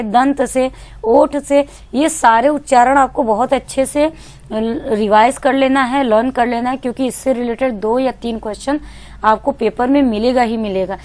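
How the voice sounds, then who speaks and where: A woman with a fairly high, darkish voice teaches an exam-prep lesson in Hindi sprinkled with English words. She poses questions and answers them herself, repeating the key points.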